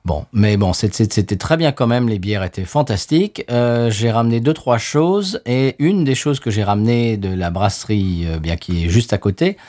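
A man's voice: lowish voice, animated, normal speed, few pauses, mellow. A man co-hosting a beer podcast, chatting casually and telling stories with lots of restarts. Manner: chatty, storytelling with many restarts. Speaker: podcast co-host. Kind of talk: casual chat.

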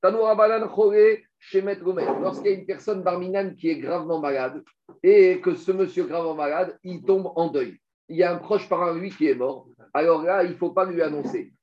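Animated man teaching a Talmud class. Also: sits high, fairly quick. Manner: explains step by step, rhetorical questions, animated. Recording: dull lo-fi recording.

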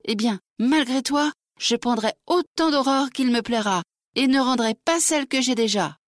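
A woman voicing a proud, defiant young girl from a fairy tale, high and insistent. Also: steady tone, normal speed, dry recording, clean studio sound, lightly acted.

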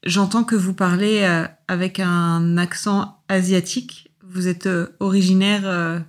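A woman's voice: fairly low pitch, steady tone, unhurried, close to an everyday voice. A woman voicing a shy, curious party guest who speaks hesitantly, with many fillers.

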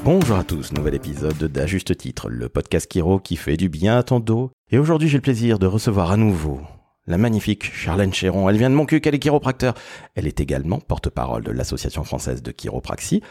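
A man's voice: low-pitched, very animated, fast, mellow, slightly rough, no room sound, soft background music. A man hosting a podcast, talking emphatically and introducing his guests with big words. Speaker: podcast host.

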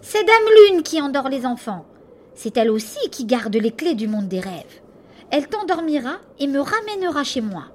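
A woman's voice: sits high, big pitch swings, moderate pace, darkish tone, slight background noise. A woman voicing a stern, fussy green dream monster in a storybook reading, with a serious, scolding tone. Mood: eager.

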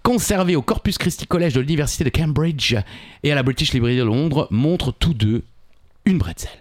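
A man's voice: a little high, lively intonation, brisk, dry recording, studio quality. A man co-hosting a quiz podcast, reading trivia answers with playful asides in casual banter.

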